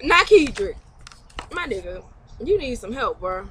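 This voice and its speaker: Young woman, high voice, very lively pitch, loud, teasing, slangy, laughing, webcam mic, noisy recording. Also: unhurried. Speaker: vlogger on a call with a friend. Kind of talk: casual chat. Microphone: computer webcam mic.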